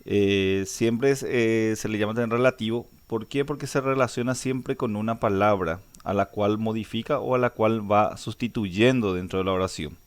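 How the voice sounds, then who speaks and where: A man's voice: on the low side, normal speed, few pauses. A male teacher, giving a recorded grammar lesson and explaining step by step with frequent "eh" fillers and restarts.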